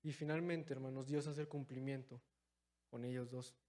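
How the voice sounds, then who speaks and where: A young man preaching a sermon in a church, calling his listeners brothers and moving between loud, stressed phrases and quiet, low asides. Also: steady tone, moderate pace. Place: church hall. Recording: long hall reverb.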